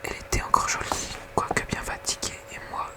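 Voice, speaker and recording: A very quiet, night-time whisper reading poetry softly in an ASMR bedtime style. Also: a little fast. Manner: hushed bedtime reading with casual whispered asides. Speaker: ASMR reader.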